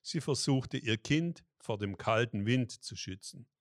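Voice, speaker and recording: Slow, calm German-speaking male reader. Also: medium pitch, dry recording, studio quality. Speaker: story reader and prayer leader.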